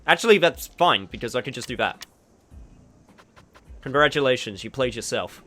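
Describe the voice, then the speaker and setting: A man with a medium, pushed and bright voice speaks at a moderate pace with lively intonation. As a gaming streamer whose first language isn't Japanese, he gives casual gameplay commentary, muttering his moves, swearing now and then, and talking with viewers.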